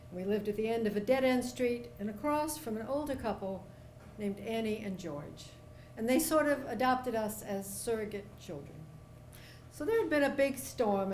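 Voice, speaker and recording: A woman telling a true story in a conversational, lively way. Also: on the high side, echoey room, a little hiss or hum. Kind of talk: oral storytelling.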